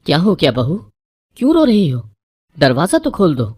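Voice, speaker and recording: A woman voicing an angry older mother-in-law who scolds loudly in a high voice in a storybook tale. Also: wildly swooping pitch, husky, full character voice. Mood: alarmed.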